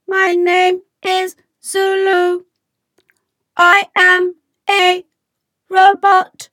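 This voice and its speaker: A woman voicing a friendly robot that gives simple classroom commands in a slow, even, sing-song children's lesson chant. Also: extremely high pitch, dry recording, studio quality, full character voice.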